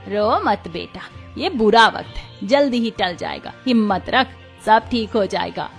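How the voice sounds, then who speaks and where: A woman voicing a gentle, comforting elderly grandmother in a cartoon story, speaking softly and reassuringly. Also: mid-range voice, expressive, unhurried, soft background music. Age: older. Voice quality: soft, reassuring.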